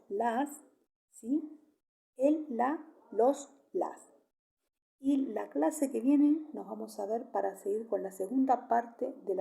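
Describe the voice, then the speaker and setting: A woman teaching a Spanish grammar lesson, patiently checking in with a rising question and repeating example sentences slowly. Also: mid-range voice, gravelly, mellow. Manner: affectionate sign-off with a kiss.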